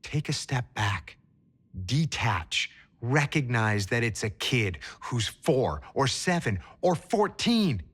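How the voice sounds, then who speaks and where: A man giving a motivational leadership talk, speaking emphatically, swinging between sharp high rises and low, quiet drops. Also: very animated, slow, breathy edge.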